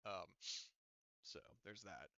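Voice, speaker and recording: Acting as game master for an online tabletop session, a man with a low-sitting, sharp-toned voice talks haltingly while puzzling through rules and dice results. The recording is dry and the audio sounds dull.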